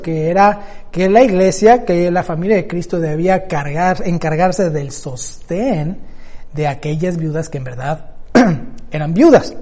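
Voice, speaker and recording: A man's voice: high-pitched, dark tone. A man preaching a Bible-teaching sermon, explaining word meanings and asking rhetorical questions to his listeners.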